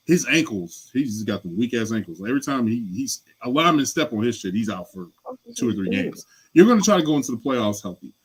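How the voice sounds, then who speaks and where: A man's voice: mid-range voice, breathy edge, low-quality recording. A man co-hosting a casual sports podcast, rambling and slangy as he argues his take. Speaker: podcast co-host.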